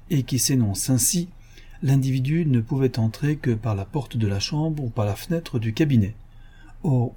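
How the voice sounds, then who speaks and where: A man reading a suave, self-assured gentleman sleuth. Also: medium pitch, slightly rough, natural voice. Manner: calm, self-assured, slightly dogmatic. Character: suave calm Italian gentleman detective, man. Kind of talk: audiobook character reading.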